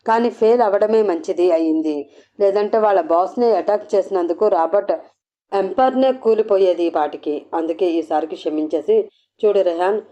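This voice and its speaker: A woman narrating an audio novel in a steady, expressive storytelling manner. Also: medium pitch, normal speed. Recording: dull lo-fi audio.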